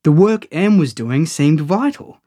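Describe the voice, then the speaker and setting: A man's voice: on the high side, lively intonation, measured pace, mellow, dry recording, studio quality. A man narrating a first-person audio story in a wry, conversational way.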